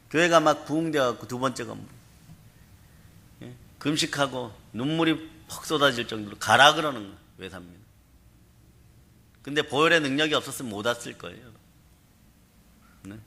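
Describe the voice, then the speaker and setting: A man's voice: medium pitch, bright, forceful tone. A man preaching a sermon as pastor, emphatic and often calling out to the congregation. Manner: emphatic preaching with frequent call-outs to the congregation.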